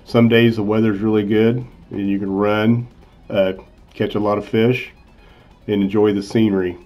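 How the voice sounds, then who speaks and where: A man's voice: lowish voice, little pitch movement, normal speed, darkish tone, faint music behind. A man in his sixties casually narrating his fishing trip, easygoing, with frequent "uh" fillers. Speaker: channel host, accountant. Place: in a car, then voice-over.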